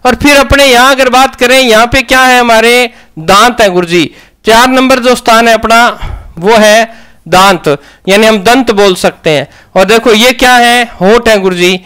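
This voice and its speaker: A man's voice: extremely high pitch, moderate pace, pushed and bright, smooth. A man teaching a grammar lesson, asking questions and answering them himself.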